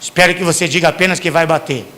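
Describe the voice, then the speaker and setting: A man with a Brazilian accent preaches a sermon in church. His voice sits high and sounds bright and cutting. He slips into the voices of the scolding parents and desperate sinners he quotes. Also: steady tone, fast talker, a little hiss or hum. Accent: Brazilian Portuguese. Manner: preaching with big swings from hushed to shouted. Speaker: pastor.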